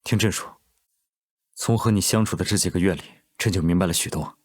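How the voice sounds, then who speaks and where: An actor playing an indulgent, commanding emperor in a costume drama, with stately, measured speech and a husky voice. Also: male voice, sits low. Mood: tender, earnest. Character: indulgent, commanding emperor devoted to his consort.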